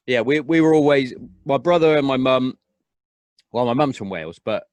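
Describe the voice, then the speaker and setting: A man's voice: mid-range voice, lively intonation, normal speed, no room sound. A young man with an English accent hosting a casual podcast chat, rambling, restarting and swearing freely. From England. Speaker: podcast host.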